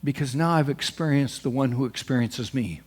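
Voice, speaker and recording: A man's voice: mid-range voice, moderate pace, a little mellow, slightly rough. A man preaching a sermon as pastor, reading scripture aloud and rising in force on the quoted lines.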